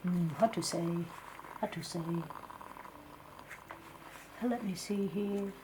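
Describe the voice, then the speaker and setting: Casting: woman as blunt lady palm reader, Singaporean or Malaysian accent, soft-spoken comedy role-play, very unhurried, clear background noise. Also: medium pitch, close to an everyday voice. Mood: pondering, teasing. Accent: Singaporean or Malaysian English. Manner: clipped grammar, musing hums, deadpan teasing.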